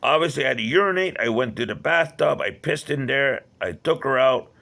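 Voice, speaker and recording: A man's voice: medium pitch, lively intonation, a little fast, vocal fry, sharp tone. A man telling a personal story in a rambling, agitated monologue that often breaks off and checks in with the listener. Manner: agitated, rambling, with many restarts and "right?". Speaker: vlogger.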